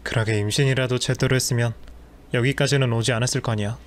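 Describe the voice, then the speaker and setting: A man's voice: medium pitch, steady tone, fast talker, natural voice. A man reading a scornful cheating husband. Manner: scornful and dismissive. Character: cruel, contemptuous cheating husband.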